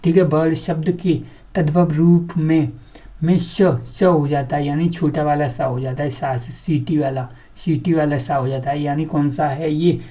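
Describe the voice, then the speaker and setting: A woman with a low, mellow voice gives an exam-prep grammar lesson. She quizzes the class over and over and then answers her own questions. Each example word gets repeated several times. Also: fairly even intonation, measured pace. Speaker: teacher.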